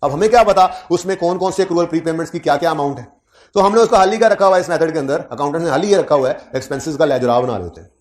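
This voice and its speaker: A man's voice: a little high, rapid-fire, darkish tone. A man giving an accounting lecture, quizzing students on figures and adding teasing asides. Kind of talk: classroom lecture.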